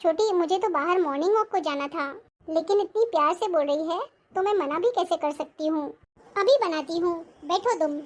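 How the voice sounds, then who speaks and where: High pitched elder sister-in-law played by a woman, patient but fussy, mutters to herself, family drama. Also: normal speed. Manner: fussing, complaining to herself. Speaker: actor.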